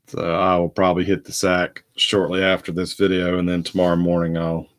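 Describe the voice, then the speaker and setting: A tired man chats casually as host of a live card break. His voice sits very low. He talks in a rambling, halting way, with plenty of fillers and restarts. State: tired, yawning. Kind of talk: casual live-stream chat.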